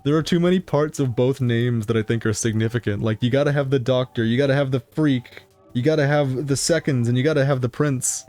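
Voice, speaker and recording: A man's voice: medium pitch, a little fast, few pauses, darkish tone, soft background music. A man casually commenting on his gameplay during a live stream, rambling and chatty, laughing often and swearing casually.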